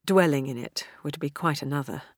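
A woman reading a novel aloud in a measured, even storytelling manner. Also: deep voice, no room sound, clean studio sound. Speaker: audiobook narrator. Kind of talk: scripted narration.

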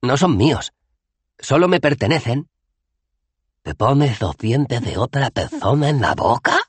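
A man voicing a timid, eager male tourist in an audiobook, talking in an animated, excited way. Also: medium pitch, measured pace, breathy edge, no echo, pitched above the performer's own voice. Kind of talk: audiobook character voice.

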